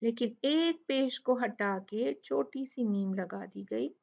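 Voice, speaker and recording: A woman teaching Quran recitation rules step by step, patiently explaining and slowly drilling each word. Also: fairly high pitch, creaky, muffled recording. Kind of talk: step-by-step tajweed lesson.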